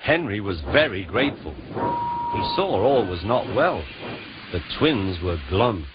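A man narrating a children's storybook with gentle, measured delivery. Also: on the low side, very animated. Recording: dull lo-fi with music.

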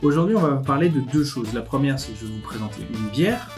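An animator hosting a vlog explains things to the camera in an informal, conversational way, talking fast with lively intonation in a mid-range voice. He's indoors in a living room with a desk, with guitar music playing behind him.

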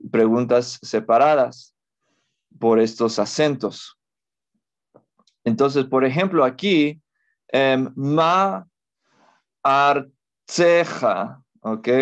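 A male teacher walks through a grammar point at an unhurried pace, often pausing to check in. His voice sits at a middle pitch, and the recording sounds a little muffled. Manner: patient explaining, often checks in with "ok?". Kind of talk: language lesson.

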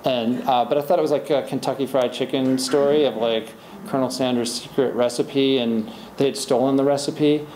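At a library event, a middle-aged author stands at a podium answering questions from the audience, wandering conversationally and often restarting. He has a mid-range, somewhat dark voice with fairly even intonation, a moderate pace and hardly any pauses. Recorded indoors through a podium microphone and a far camera, the audio carries a roomy hall echo and light hiss.

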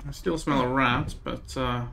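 A man giving casual let's play commentary, musing aloud as he goes, in a creaky voice. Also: medium pitch, fairly even intonation, a little slow, bright, forceful tone, slight background noise. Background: faint game ambience.

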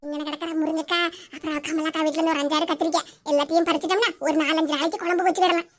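A woman's voice: very high-pitched, very animated, fast, heavily acted. Woman voicing a sly scheming village busybody. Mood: scheming aside. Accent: Tirunelveli Tamil. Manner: sly sweet-talking, muttering asides. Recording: loud background noise.

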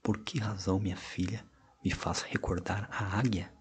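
A man voicing an anxious, loving father of a mute girl in an audiobook story, speaking in a soft, pleading way. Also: deep voice, steady tone, moderate pace, natural voice. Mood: urgent.

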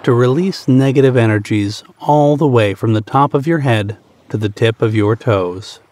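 With a mid-range, slightly mellow voice, this male narrator leads a guided meditation. He speaks soothingly and deliberately, leaving pauses after each short phrase.

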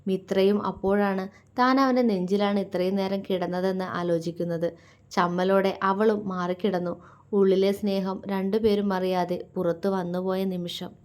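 A woman's voice: medium pitch, fairly even intonation, normal speed, a little mellow. Woman reading a romance story aloud. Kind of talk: scripted narration of a romance story.

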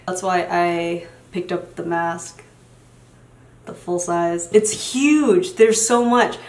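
In a reverberant small room, a young woman in her twenties chats at the camera with a medium-pitched voice. She's a beauty vlogger who grew up speaking Chinese, and her casual talk is chatty and rambling, often fading into mumbles.

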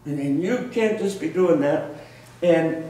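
Man preaching slowly in a little church, kinda high pitched, big echo, mic way off. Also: mellow. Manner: slow, emphatic preaching with repetitions and restarts. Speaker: pastor. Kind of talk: sermon. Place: small church sanctuary. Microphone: far room camera. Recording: echoey church room from far off.

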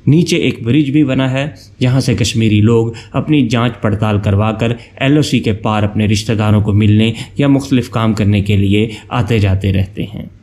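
A man from Pakistan, giving a steady, informative travel-guide voice-over that lists places one by one. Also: on the low side, normal speed, hardly any pauses, a little hiss or hum. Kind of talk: scripted travel narration.

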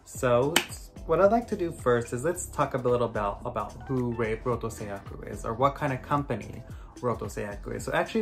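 Raspy man in a casual review. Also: medium pitch. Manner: chatty, rambling explanations. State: raspy from allergies. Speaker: skincare vlogger. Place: home.

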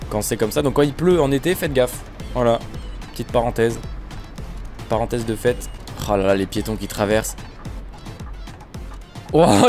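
A man giving casual, joking commentary while playing a bus driving game, with his voice jumping up in pitch when excited. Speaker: gaming video creator.

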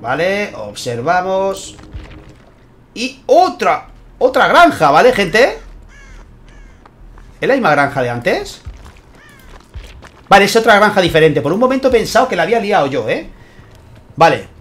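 A man with a Spain Spanish accent, hosting his channel and commentating a tournament match, excitable and constantly checking in with his viewers. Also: sits high, a little slow, pauses often. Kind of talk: gameplay commentary.

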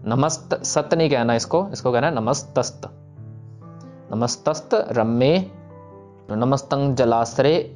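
Young man, mid pitch, patient teacher, chants verses slowly, soft music bed. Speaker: teacher of scripture recitation. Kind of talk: step-by-step pronunciation lesson, slow chanted examples.

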